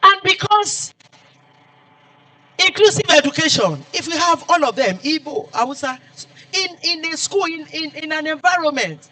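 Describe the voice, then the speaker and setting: Nigerian male lecturer, very high and bright voice, emphatic repetitive oratory. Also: poor audio. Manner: emphatic oratory with repeated phrases. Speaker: guest lecturer. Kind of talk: formal public lecture.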